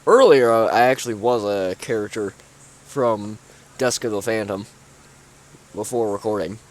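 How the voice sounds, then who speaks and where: A young gaming YouTuber with a lowish voice speaks at a moderate pace as he tours his own in-game build. His commentary is casual and rambling, full of fillers and restarts, and he sounds sleepy, yawning along the way.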